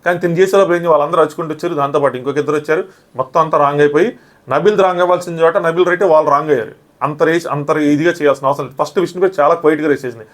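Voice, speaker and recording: A man reviewing a reality show episode in casual, argumentative talk, often acting out what others said. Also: a little high. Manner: rapid, argumentative, often acts out quoted lines.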